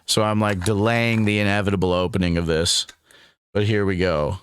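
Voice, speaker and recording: A man's voice: on the low side, steady tone, normal speed, clear, resonant tone. A laid-back young man giving a rambling, casual review to camera, calling the viewer dude and man. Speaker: cannabis strain reviewer.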